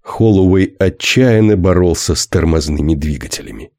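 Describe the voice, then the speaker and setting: Deep-voiced man reading an audiobook. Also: normal speed, a little mellow, no echo, studio quality. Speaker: narrator. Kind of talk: audiobook narration.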